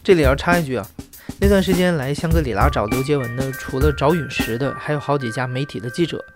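Fast-talking male podcast narrator over drums. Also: medium pitch. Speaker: podcast host. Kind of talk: scripted narration. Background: music with drums.

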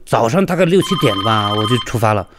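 A man from Yunnan, a local merchant, telling his own story in a lively, chatty way and acting out the dialogue. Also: mid-range voice, fast, over music. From Yunnan, China. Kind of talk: storytelling interview.

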